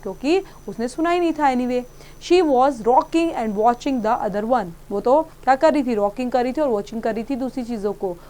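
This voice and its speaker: A woman's voice: fairly high pitch, darkish tone. Indian woman teacher explaining a lesson. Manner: reads English text slowly, then explains it conversationally. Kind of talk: explaining an English chapter to students.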